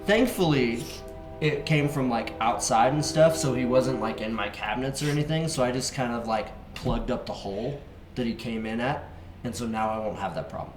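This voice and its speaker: A man hosting a children's faith show, chatting playfully with a young co-host and telling stories in an animated way. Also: mid-range voice, moderate pace, roomy sound, over music. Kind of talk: casual chat with a young co-host.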